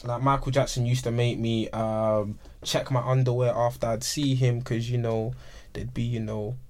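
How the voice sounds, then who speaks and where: A man's voice: mid-range voice, flat delivery, normal speed, a little mellow. A man with a London roadman accent and heavy street slang, hosting a casual podcast chat. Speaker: podcast host. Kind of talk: casual group banter.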